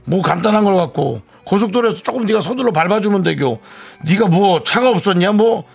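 A man playing a brash, self-centered friend in a radio skit, loud and overbearing. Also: expressive, fairly quick, vocal fry, slightly rough, heavily acted. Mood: pushy, scolding. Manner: loud, overbearing, with sudden swoops of pitch. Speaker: radio co-host.

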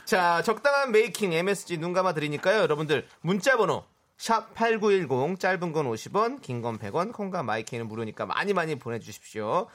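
Lively male radio host. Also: a little high, a little fast. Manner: lively, reads listener texts aloud. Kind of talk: radio talk show banter.

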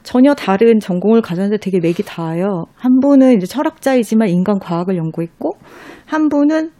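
A woman in casual conversation about books, her voice mellow and soft-edged. She reads quoted passages aloud slowly. The sound is dry and close. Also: mid-range voice, animated, dry recording. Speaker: book recommender guest.

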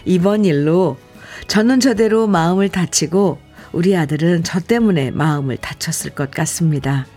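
A woman's voice: on the low side, darkish tone, breathy edge. Woman radio host reading a letter. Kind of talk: reading a listener's letter on air.

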